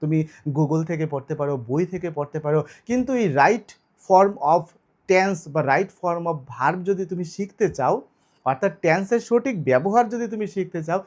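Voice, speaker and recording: Man, online English teacher, slightly high voice, asks then answers own questions. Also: a little mellow. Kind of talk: online video lesson.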